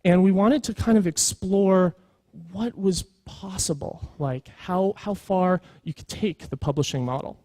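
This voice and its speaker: A man with a high-sitting, mellow voice speaks a little slowly, with no room sound. He's a creative executive presenting at a conference, telling stories in an informal, earnest way and driving his points home emphatically.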